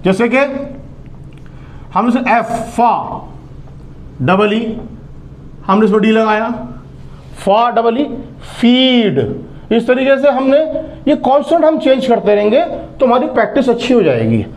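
A man's voice: very high voice, lively intonation, unhurried, long pauses, a little mellow. A man, teaching an English phonics lesson. He explains patiently, repeats each word and asks his students questions.

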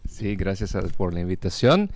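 A man's voice: low-pitched, sing-song, moderate pace, a little mellow, no room sound. A man appearing as a radio guest, speaking hesitantly.

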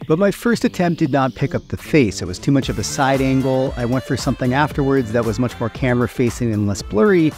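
A man hosting a tutorial, explaining things step by step in a steady way. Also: medium pitch, fairly quick, hardly any pauses, soft background music. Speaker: tutorial host.

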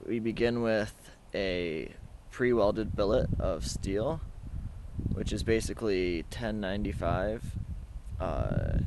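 Guy explaining blacksmith steps, lots of uh's, clear background noise outside. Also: on the low side, lively intonation. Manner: plain, halting, many "uh" fillers. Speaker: hobby blacksmith. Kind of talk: explaining narration over a demo. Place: outdoor backyard forge. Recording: noisy outdoor recording.

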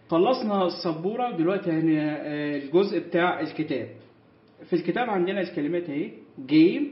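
A man with an Egyptian Arabic accent teaching a class, who reads English words slowly and clearly and then explains them quickly. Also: sits high. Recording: echoey, slightly muffled room recording.

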